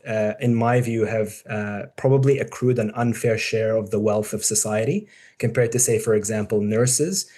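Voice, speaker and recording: A man in his forties gives an informal talk to fellow doctors in a low, easygoing voice. He speaks conversationally, with frequent ums and restarts while he thinks aloud. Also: mellow. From born in the UK, raised in Dubai and New Zealand. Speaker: surgeon giving a talk. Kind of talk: casual presentation to peers.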